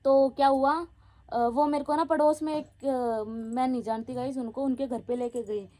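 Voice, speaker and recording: A young woman tells her viewers stories in a casual, chatty way. Her voice sits high, and she giggles often and keeps talking straight to the people watching. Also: steady tone, normal speed, mellow. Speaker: vlogger.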